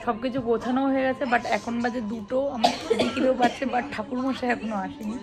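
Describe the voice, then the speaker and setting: A young woman vlogs casually to camera, chatty and confiding, speaking softly while she eats. Her voice is on the high side, with a steady tone and a quick pace.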